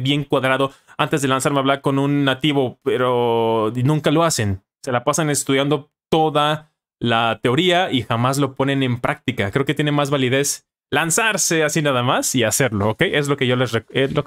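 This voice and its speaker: A young man with a Mexican Spanish accent, his voice sitting a little high for a man, talks through his own video in a loose, reflective way. He often corrects himself mid-sentence and keeps checking in with tag questions. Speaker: YouTuber and English teacher.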